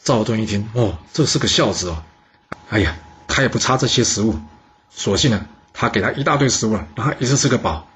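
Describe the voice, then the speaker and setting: A man telling a history story in a lively, chatty way. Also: on the low side, slight background noise. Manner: lively, chatty, drawn-out particles. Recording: dull lo-fi recording.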